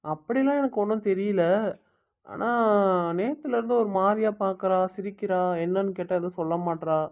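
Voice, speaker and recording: A man's voice: sits high, normal speed, a little mellow. A man doing a bantering young groom-to-be. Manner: bantering, boastful. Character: young groom-to-be, the joking friend. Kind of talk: amateur family drama acting.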